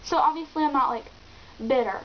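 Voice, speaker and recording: A woman vlogger reviewing books in an animated, chatty way, full of exclamations and fillers. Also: high voice, fairly quick. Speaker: book vlogger. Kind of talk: casual book review chat. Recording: dull lo-fi recording with faint hiss.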